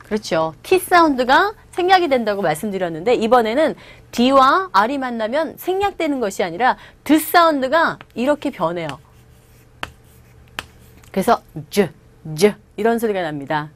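Lively high-voiced woman teaching English. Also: moderate pace. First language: Korean. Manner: lively, acts out quotes with playful voices and laughs. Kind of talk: video lecture on English through film.

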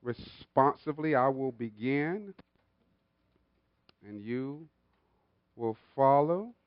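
A man's voice: medium pitch, animated, takes it slowly, dry recording. A man preaching as pastor in a church, calling for amens after nearly every phrase and building into a fervent prayer. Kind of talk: sermon and prayer with call-and-response. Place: church sanctuary with congregation. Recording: dull lo-fi livestream audio.

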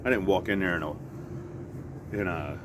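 Deep-voiced middle-aged man rambling outdoors. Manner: easygoing, halting, self-correcting. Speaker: pipe vlogger. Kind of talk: casual rambling storytelling. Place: outside by a house with siding. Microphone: camera a short distance in front. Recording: clear outdoor traffic or air-conditioner hum.

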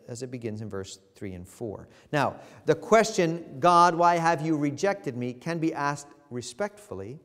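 A man's voice: medium pitch, long reverb tail. A man, a pastor, preaching a sermon with earnest emphasis, his voice rising in the emphatic passages and sometimes restarting phrases. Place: church sanctuary.

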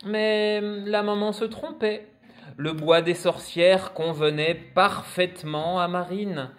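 A man reading a children's picture book aloud, expressive and animated. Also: sits high, takes it slowly, faint music behind. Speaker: storyteller.

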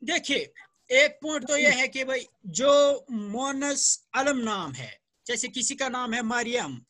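Male teacher from Jammu and Kashmir, India, on a video call. Slow, patient drilling, very high bright voice, quick to praise. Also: expressive. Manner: patient drilling, repeats words, praises students often. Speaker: Arabic teacher. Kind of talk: online grammar lesson with students.

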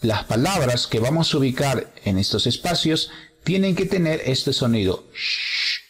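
A man teaching English, slowly explaining exercises step by step and alternating English examples with explanations. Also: medium pitch, animated, big-room sound. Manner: slow, explanatory, switches between English examples and Spanish explanation. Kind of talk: bilingual grammar lesson walkthrough.

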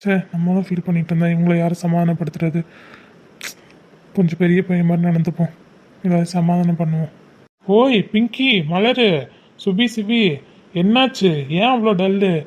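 A man's voice: sits high, steady tone, moderate pace, long pauses, a little mellow, close to an everyday voice. A man playing a cheerful, joking uncle who coaxes the family in a web series. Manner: cheerful, coaxing, jokey. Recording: muffled lo-fi recording.

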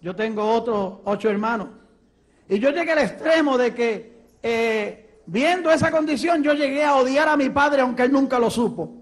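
A man in his thirties with a Puerto Rican accent, giving an animated testimony sermon in a church hall on a handheld mic. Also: very high voice, normal speed. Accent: Puerto Rican Spanish. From Puerto Rico. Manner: animated, gesturing, storytelling. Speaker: preacher. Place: church hall stage at a pulpit.

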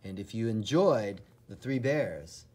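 A man's voice, on the low side and husky with a breathy quality, reads a children's storybook aloud. He takes a deliberate, expressive and dramatic approach.

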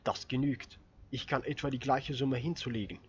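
A man voicing a determined young hunter with a hoarse voice who speaks urgently, as he reads a story aloud. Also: medium pitch, fairly even intonation, normal speed, lo-fi sound, a little hiss or hum, natural voice.

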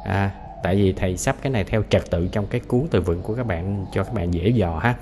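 Male English teacher, lowish voice, drills vocabulary slowly, echoey room with faint hiss. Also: a little mellow. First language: Vietnamese. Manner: repeats each English word slowly and clearly, explains sounds. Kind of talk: vocabulary lesson, word by word.

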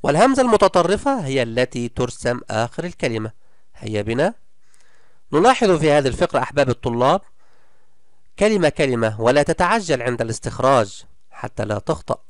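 A man's voice: mid-range voice, big pitch swings, no echo, clean studio sound. Guy teaching a kids' class, super clean voice, cheering the students on, drags out the example words. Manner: encouraging, praises pupils often; stretches out example words slowly. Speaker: primary school teacher. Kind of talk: recorded online lesson.

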